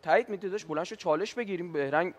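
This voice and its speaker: A man's voice: sits high, in a large hall. A man, a game show contestant, pushily challenging and questioning another player. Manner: challenging, pushy. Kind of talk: heated argument at a game table.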